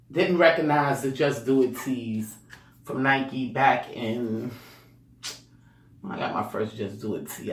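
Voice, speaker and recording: A man giving casual motivational talk, rambling with lots of "you know" and "um" and chuckling between points. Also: medium pitch. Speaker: speaker sharing life advice. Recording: roomy echo, distant mic.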